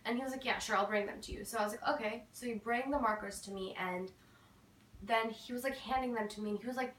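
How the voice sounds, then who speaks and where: High-voiced teen girl in an echoey room. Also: fast talker, a bit bright, recorded from a distance, a little hiss or hum. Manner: chatty, lots of fillers and quoted asides. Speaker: vlogger. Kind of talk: casual storytime chat.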